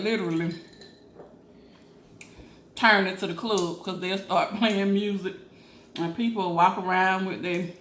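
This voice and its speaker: A woman's voice: mid-range voice, fairly bright tone. Woman doing a rambly storytime vlog, chatty and informal, echoey room w faint noise. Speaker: mukbang vlogger. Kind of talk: casual storytime chat while eating. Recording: roomy echo, faint background noise.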